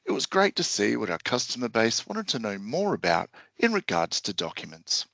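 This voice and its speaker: A man hosting a software webinar in a friendly, upbeat, scripted way. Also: mid-range voice, huge pitch swings, normal speed, vocal fry, no echo. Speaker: webinar host.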